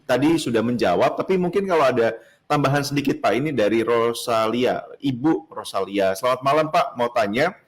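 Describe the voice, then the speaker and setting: A man hosting a talk show, politely affirming the guest and reading out viewer questions. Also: mid-range voice. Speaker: host.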